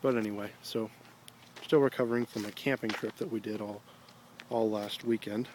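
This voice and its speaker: Male, American, low and flat delivery, pipe in mouth, casual halting monologue, some outdoor background noise. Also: poor audio. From Ohio, United States. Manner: halting, reflective, unhurried; talks with a pipe in his mouth. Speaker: video blogger. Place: outdoors on an evening stroll. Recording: noticeable background noise, ambience.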